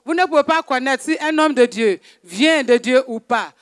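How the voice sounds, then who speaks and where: A man interpreting a sermon into French, rendering each phrase in a steady, earnest way. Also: extremely high pitch, normal speed. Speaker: interpreter for the preacher.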